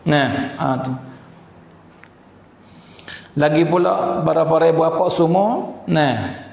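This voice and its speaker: A man with a Patani Malay accent teaching a religious sermon, reading Arabic text slowly and then explaining it in his own dialect with many fillers. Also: a little high, vocal fry, darkish tone, highs cut off. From southern Thailand. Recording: echoey hall reverb.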